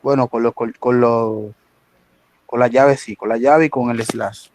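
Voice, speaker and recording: A man's voice: medium pitch, steady tone, measured pace, darkish tone, dry recording. A male graduate student asking a hesitant question in an online class, repeating himself as he searches for words. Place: video call meeting.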